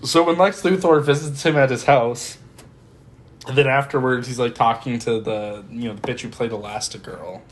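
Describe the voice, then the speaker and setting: A man's voice: mid-range voice, fairly even intonation, normal speed, a little hiss or hum. A man hosting a casual, profane movie podcast, rambling and exasperated, often breaking off mid-sentence. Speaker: podcast host.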